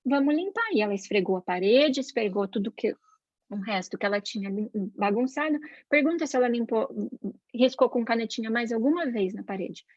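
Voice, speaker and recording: Talking fairly quickly in a fairly high, darkish voice, a Brazilian Portuguese-accented Montessori educator and parent discusses raising children informally. She's chatty, performs the voices she quotes, and keeps saying "né?", on a dry recording missing its highs.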